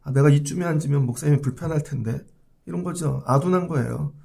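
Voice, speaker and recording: A middle-aged man preaches an early-morning sermon, his voice gravelly and set a little high. He talks to the congregation like a conversation, hammering key words again and again and slipping into short acted-out exchanges. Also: quick pace, a little mellow. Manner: conversational preaching, acts out little quoted dialogues; repeats key words for emphasis. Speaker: pastor.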